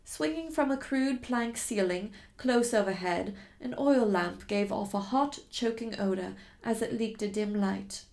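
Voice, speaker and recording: A woman's voice: medium pitch, measured pace, gravelly, few pauses, a little mellow. A woman narrating a novel in the first person, reading with dramatic tension. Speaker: reader of a novel.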